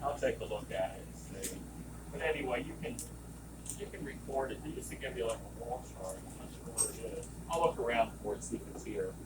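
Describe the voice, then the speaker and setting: Amid the loud hum of a compressor and vacuum pump, a man with a medium-pitched voice speaks fairly quickly as he demonstrates equipment. His casual explanation rambles and digresses. He is a service technician in a lab room with machines running, recorded from a distance.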